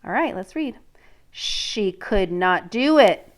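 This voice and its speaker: Reading a story to children in a mid-range voice, this teacher is expressive and unhurried. She stops now and then to ask the young audience questions and encourage them to respond.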